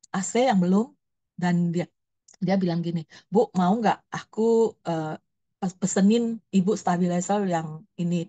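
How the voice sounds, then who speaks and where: A woman's voice: lowish voice, dark tone. A woman pastor, telling a personal testimony in a sermon, emotional and storytelling, acting out her own prayers.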